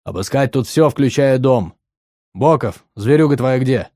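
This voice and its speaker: A man's voice: medium pitch, animated, moderate pace, dark tone, no echo, studio quality, lightly acted. A man voicing a menacing male mercenary commander who barks orders and mocks. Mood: gruff. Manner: barking commands, mocking.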